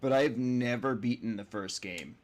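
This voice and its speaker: A man's voice: mid-range voice, normal speed. A man casually chatting with his live-stream viewers while building a model, swearing now and then. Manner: chatty and profane, talks to chat while working. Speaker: livestreamer building a model kit.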